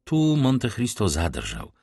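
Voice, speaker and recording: A man narrating a classic novel audiobook with expressive, varied delivery. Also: on the low side, slow, slightly rough, no room sound.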